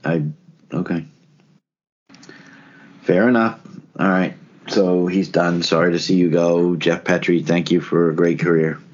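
A man co-hosting a casual hockey podcast, talking in an exasperated, halting way with many restarts. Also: low-pitched, fairly even intonation. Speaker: podcast co-host. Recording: dull lo-fi audio.

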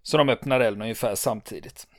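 A man narrates a military history episode as a podcast host, recounting events steadily with frequent "eh" pauses. His voice sits at a middling pitch for a man. The recording is close and dry, with no room sound. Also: no echo. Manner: calm storytelling, rising to excited when narrating combat.

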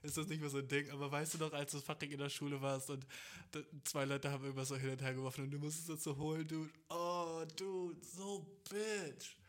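A man's voice: a little high, little pitch movement, rapid-fire. A young man hosting a podcast, telling a rambling comic monologue full of slang and English swear words, laughing at his own jokes. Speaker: podcast host. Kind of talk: casual comedic podcast monologue.

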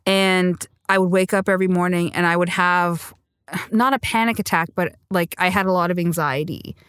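A woman singer-songwriter speaks earnestly in an interview, with a lowish, smooth, resonant voice. She tells her story reflectively and laughs easily. The sound is dry and close. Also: steady tone, normal speed, a bit bright, dry recording. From Sri Lanka. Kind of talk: conversational interview.

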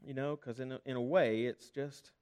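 Earnest man preaching, mid-pitched voice. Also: fairly even intonation, moderate pace, a little mellow, clean tone. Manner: earnest conversational preaching with frequent restarts. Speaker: pastor. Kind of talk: sermon.

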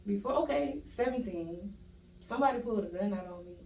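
A woman's voice: mid-range voice, expressive, brisk, darkish tone. A young woman with a Louisiana accent tells stories in casual chat, laughing often and slipping into Southern slang. The room rings with echo, and she sits back from the mic. A faint hiss runs underneath. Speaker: guest. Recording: echoey room, mic at a distance.

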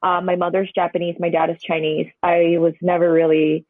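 Fairly quick and medium-pitched with little pitch movement, a Hong Kong painter in their twenties speaks over a tinny, dry phone line without echo. Cantonese is their first language, and they are the guest on a conversational podcast interview. They reflect in a meandering style, hedging a lot.

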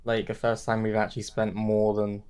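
A man's voice: lowish voice, completely flat delivery, normal speed, a little mellow, clear, resonant tone. A young man co-hosting a casual podcast chat, rambling with lots of restarts and fillers. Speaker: podcast co-host.

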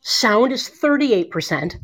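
Animated woman coaching on communication. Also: fairly high pitch, slow. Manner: animated, expressive, shifting pace. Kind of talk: conversational interview. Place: at home.

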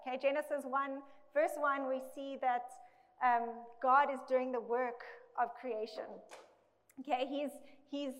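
A woman preaching a sermon in a large church hall, talking in a conversational way and often checking in with "okay," with her voice echoing loudly off the room. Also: sits high. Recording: echoey recording in a big hall.

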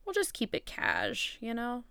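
Casual young woman podcaster, clear dry voice. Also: fairly high pitch, huge pitch swings, unhurried, bright, forceful tone, no echo. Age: 20s. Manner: chatty, informal, with slangy asides. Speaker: podcast host. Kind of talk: casual true crime storytelling. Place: small closet at home.

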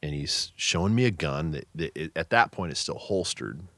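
A man's voice: a bass voice, expressive, moderate pace, a bit bright, dry recording. A man in his fifties from the Pacific Northwest, a police patrol supervisor telling a story in a casual interview, in a blunt, profane, wry way. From Pacific Northwest, USA.

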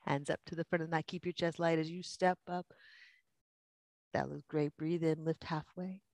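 A yoga instructor slowly coaching breath and movement through a guided class in short, spaced phrases. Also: mid-range voice, level tone, creaky, a little mellow, no room sound.

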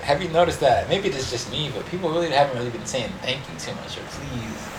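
A man co-hosting a podcast in casual chat, animated and joking, with heavy slang and swearing. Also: medium pitch, quick pace. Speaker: podcast co-host. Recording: echoey room with clear background noise.

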